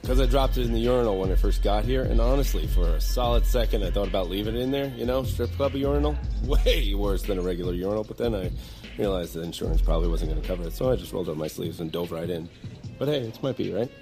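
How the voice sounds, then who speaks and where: A man's voice: lowish voice, fast, music in the background, natural voice. An actor playing a carefree, dim young man in a comedy, casual, chatty and oblivious. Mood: chatty, unbothered. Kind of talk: comedy film acting.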